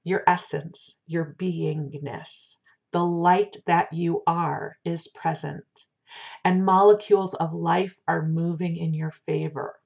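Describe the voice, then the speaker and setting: A woman giving a casual spiritual card reading like a fortune teller, talking in a conversational, gently reassuring way. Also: fairly low pitch, steady tone, slow pace, gravelly. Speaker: oracle card reader. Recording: dull lo-fi sound.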